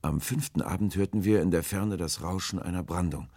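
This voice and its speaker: Voicing a starving, terrified old man for an audiobook, a man uses a low, dark voice that is pushed up. The character sounds sorrowful and hopeless, speaking haltingly, in a dry, studio-quality recording.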